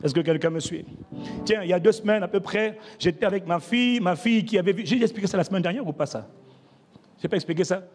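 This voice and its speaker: A man's voice: high-pitched, quick pace, a little mellow, long reverb tail, soft background music. A man preaching a sermon as pastor, emphatic and calling out to the congregation. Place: church.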